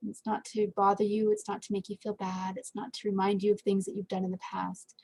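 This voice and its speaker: Soft-spoken woman guiding a meditation. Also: mid-range voice, flat delivery, breathy edge, poor audio. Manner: gentle, unhurried, with many fillers. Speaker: meditation guide. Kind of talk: guided meditation.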